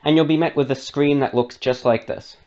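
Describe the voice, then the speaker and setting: A fairly high-pitched, darkish male voice with fairly even intonation runs fairly quickly through step-by-step instructions, sprinkled with asides, on his radio show. It's a chatty tutorial, and the recording lacks highs.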